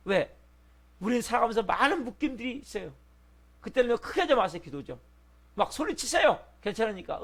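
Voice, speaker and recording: A male pastor preaching a sermon, asking the congregation rhetorical questions and acting out loud cries for help. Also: sits high. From South Korea.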